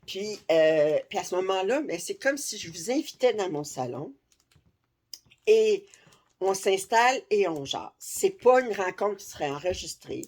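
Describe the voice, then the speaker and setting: A woman with a Québécois French accent and a medium-pitched, expressive, darkish voice speaks a little slowly. She's a craft vlogger chatting casually to camera in her living room, framed from the upper body, with many fillers and frequent "ok?" check-ins.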